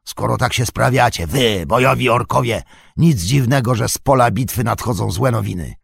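A man voicing a brutal, threatening male orc soldier in an audiobook reading, with a gravelly, barking delivery. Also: mid-range voice, normal speed, no echo, clean studio sound. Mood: blustering.

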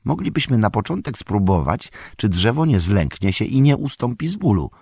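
A man's voice: low voice, sing-song, normal speed, darkish tone, breathy edge, dry recording, studio quality, heavily acted. A man voicing a sturdy young male hobbit, suspicious and stubborn, in a storybook reading. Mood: determined. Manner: suspicious and fiercely loyal.

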